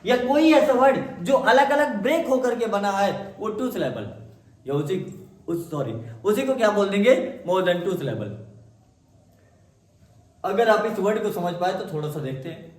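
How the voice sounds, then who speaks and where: A man's voice: high voice, lively intonation, unhurried. A man teaching grammar in Hindi, asking questions and answering them himself and repeating key words for emphasis. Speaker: English teacher. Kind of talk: classroom grammar lesson in Hindi. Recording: echoey room.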